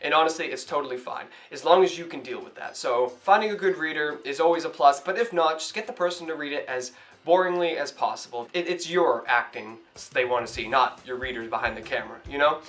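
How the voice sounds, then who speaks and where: A man's voice: fairly high pitch, a little fast, fairly bright tone. A young man from Toronto, an actor, giving chatty hands-on advice in a casual how-to vlog, filmed at home. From Toronto, Canada. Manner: upbeat, chatty, hands-on demonstrating. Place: home room in front of a hung sheet.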